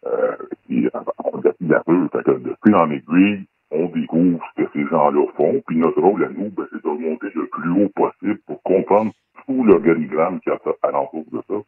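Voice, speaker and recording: Man with a disguised, very deep voice. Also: brisk, breathy edge, no echo. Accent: Québécois French. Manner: guarded, hesitant, many fillers. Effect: voice electronically disguised, pitched very deep. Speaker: anonymous guest, former undercover federal police agent. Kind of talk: radio talk show interview. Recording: dry, phone-like band-limited sound.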